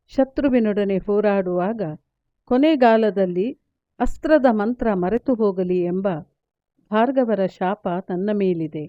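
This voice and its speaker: A woman voicing a grieving, resolute male warrior speaking to his mother, in a measured, solemn read-aloud storytelling manner. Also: mid-range voice, no echo, lightly acted. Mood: sorrowful. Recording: tinny phone-like, dry.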